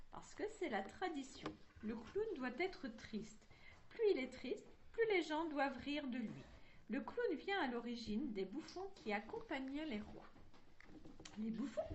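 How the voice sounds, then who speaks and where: A woman's voice: high voice, a little hiss or hum. A woman reading a chapter of a children's novel aloud, voicing each character in turn, with occasional slips and restarts. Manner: reads all characters in one voice, with slips and restarts. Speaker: reader of a children's story.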